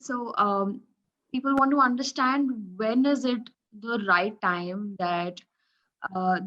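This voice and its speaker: A woman moderates an online panel and reads out questions in a hesitant way, with plenty of fillers. Her voice is a little higher than most and keeps cutting out over a poor connection. The sound is muffled and lo-fi, like a video call with weak internet. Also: fairly bright tone. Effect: choppy voice breaking up over a bad connection. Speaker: webinar moderator.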